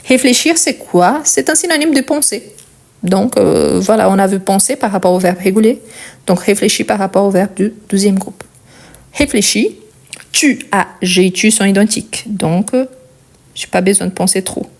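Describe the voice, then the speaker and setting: A woman's voice: mid-range voice, moderate pace, a little mellow. A woman with a Portuguese accent teaching a French conjugation lesson, explaining patiently step by step and checking in often with the learner.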